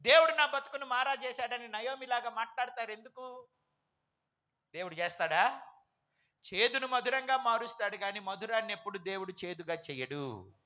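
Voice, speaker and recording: High, bright-voiced man preaching. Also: normal speed, long pauses. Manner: emphatic preaching, rhetorical questions, repeats phrases. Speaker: pastor. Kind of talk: sermon.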